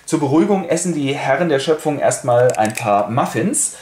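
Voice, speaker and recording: Animated man retelling a play in a roomy echo. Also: medium pitch, a little hiss or hum. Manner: colloquial and animated, quick quoted exchanges. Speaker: host. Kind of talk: casual retelling of a classic play.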